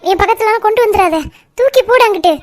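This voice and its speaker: A woman voicing a scheming, bossy middle-aged village aunt in a cartoon, scolding sharply and turning shrill when frightened. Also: fast talker. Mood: panicky scolding. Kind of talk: cartoon voice acting.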